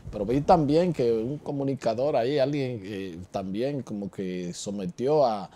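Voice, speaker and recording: A man's voice: mid-range voice, a little slow, dark tone. A man hosting a TV interview, talking conversationally with frequent hesitations and fillers. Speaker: TV host.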